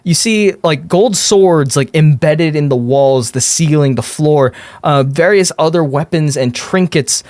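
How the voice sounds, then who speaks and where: A man working as game master, improvising descriptive narration in halting phrases. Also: a little high, darkish tone, no room sound.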